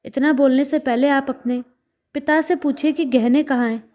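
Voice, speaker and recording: A woman's voice: high-pitched, steady tone, normal speed, a little mellow, lightly acted. A woman voicing a young widowed daughter-in-law who finally speaks up firmly after staying silent. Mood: indignant. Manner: firm, indignant.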